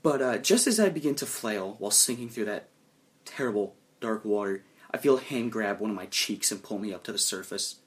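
Animated male game master narrating. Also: a little fast. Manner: lively, dramatic storytelling that drops low and hushed for suspense.

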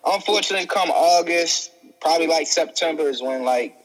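A man's voice: fairly high pitch, a little fast, low-quality recording. A man, a podcast guest talking in an easygoing, reflective, slangy way. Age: 30s. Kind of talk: casual podcast chat.

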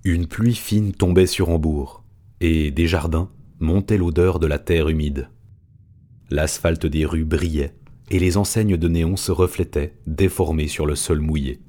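A man narrating an audiobook in a steady, measured storytelling manner. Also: very deep voice.

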